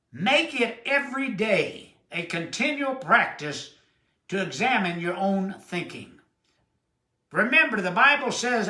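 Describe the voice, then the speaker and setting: A man, preaching a sermon with emphatic, emotional delivery and drawn-out quotes. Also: high-pitched, bright, forceful tone. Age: 70s. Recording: echoey room.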